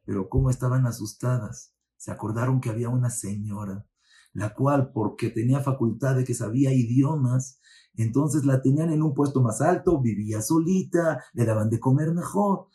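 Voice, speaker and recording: A rabbi telling a story in a sermon, acting out the voices of its figures and mixing in Hebrew religious terms. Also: male voice, medium pitch, normal speed, warm tone.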